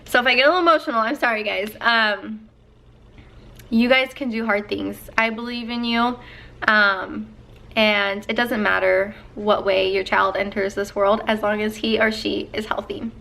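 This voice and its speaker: A woman's voice: medium pitch, fairly even intonation, moderate pace, vocal fry, sharp tone. A young woman vlogger talking casually and earnestly as she gives advice, with lots of ums and likes. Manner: earnest, chatty, many fillers.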